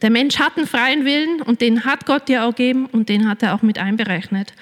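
A woman's voice: a little high, fairly quick. A woman preaching a sermon in a casual storytelling way, with many fillers. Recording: long reverb of a large hall.

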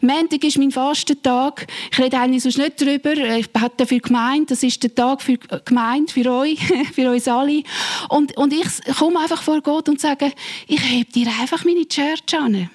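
Earnest high-voiced Swiss German woman. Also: fairly even intonation, moderate pace. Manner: earnest, heartfelt, speaks in prayerful repetitions. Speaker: church leader. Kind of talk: devotional talk on fasting.

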